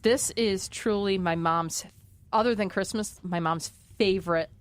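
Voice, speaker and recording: A middle-aged woman swaps family stories on a casual chat show. She talks easily and breaks into laughter now and then, in a relaxed storytelling manner. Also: medium pitch, a little slow, dry recording. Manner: chatty storyteller, laughs often. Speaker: podcast co-host.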